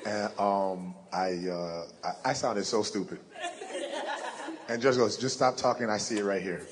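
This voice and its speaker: A young adult man with a deep voice preaches a sermon, animatedly telling a personal story and acting out the lines he quotes. He speaks unhurriedly, and a crowd can be heard in the background.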